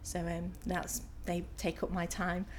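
A woman in her thirties with a Liverpool accent gives casual interview answers, pausing often with ums. Her voice sits a little low. Faint noise hums behind her. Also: monotone. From Liverpool, England. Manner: hesitant, many filler ums.

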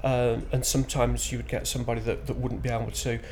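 Halting Shetland man of fifty, noisy background. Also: mid-range voice, flat delivery. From Shetland, Scotland. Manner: hesitant, halting delivery with frequent pauses. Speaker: interviewee. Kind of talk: spontaneous interview answers. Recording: clear background ambient noise.

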